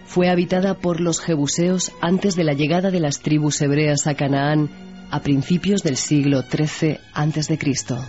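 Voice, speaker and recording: Brief: male narrator, fairly high voice, formal scripted read, music clearly under it, dull radio sound. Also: fairly even intonation, a little mellow. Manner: measured and formal.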